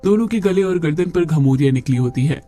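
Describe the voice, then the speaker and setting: A man with a high, light voice tells a cartoon story at an even pace. He slips into the voices of women and children as he goes. Soft music plays under him. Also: brisk. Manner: plays women and children by raising his pitch. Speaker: narrator and voice of all figures.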